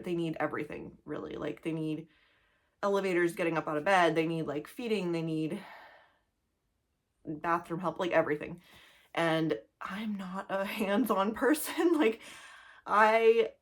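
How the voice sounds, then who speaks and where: A pregnant woman in her thirties chatting casually to camera as a cross-stitch vlogger, laughing often and a little out of breath, full of likes and ums. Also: lowish voice. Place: home, two-bedroom apartment.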